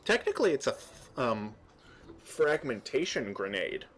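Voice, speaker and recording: A man's voice: mid-range voice, sing-song, a little slow, a bit bright. A man chatting casually while streaming a game, rambling through trivia and explanations with frequent restarts. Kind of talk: casual gameplay chat.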